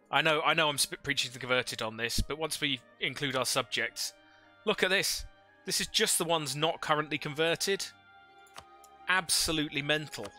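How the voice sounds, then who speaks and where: A man's voice: fairly high pitch, pushed and bright. A man livestreaming a strategy game into a headset mic, thinking aloud and chatting with viewers. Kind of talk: casual live gameplay commentary.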